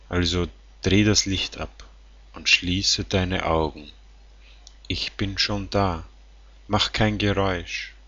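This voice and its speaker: A man slowly reading song lyrics aloud in a calm, tender, measured way. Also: sits low, no room sound. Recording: dull lo-fi sound.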